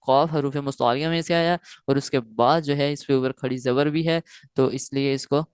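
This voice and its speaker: Man teaching slow recitation, clear voice. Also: medium pitch, steady tone, dry recording, studio quality. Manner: explains rules, then recites each phrase slowly and loudly several times. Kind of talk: online recitation lesson.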